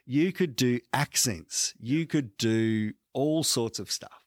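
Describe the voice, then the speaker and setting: An Australian man co-hosting a casual comedy podcast, pitching ideas in an animated way and laughing often. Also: slow, no room sound, studio quality. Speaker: podcast co-host.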